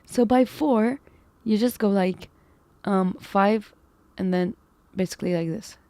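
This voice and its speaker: On a live stream, a woman thinks aloud through math problems, second-guessing herself, musing, and talking with her chat. Her medium-pitched voice is warm and measured, recorded with no echo, and she feels it is going.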